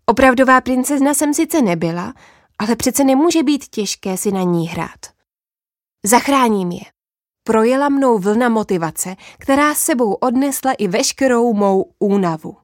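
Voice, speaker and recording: Woman, first-person story narration, expressive, fairly high voice, dry sound. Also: no echo.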